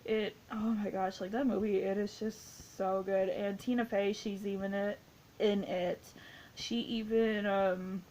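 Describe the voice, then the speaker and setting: A woman's voice: mid-range voice, steady tone, a little slow, dark tone, slight background noise. Woman, 20s, casual film-review vlogger, rambling and enthusiastic, mid-range voice. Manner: rambling, gushing, heavy use of "like". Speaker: movie reviewer. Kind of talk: casual spoken movie review.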